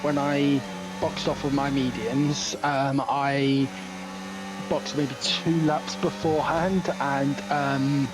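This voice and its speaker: A man's voice: mid-range voice, little pitch movement, takes it slowly, noisy background. A man giving conversational motorsport commentary on a sim race as the analyst, reasoning through tactics.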